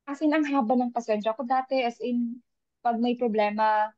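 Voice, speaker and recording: A woman's voice: on the high side, fairly even intonation, moderate pace, darkish tone, dry recording. A woman, a working mother speaking thoughtfully in a casual podcast chat, mixing two languages. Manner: thoughtful, mixes Tagalog and English, many restarts. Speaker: panel guest; working mother of young kids. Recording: dull lo-fi sound.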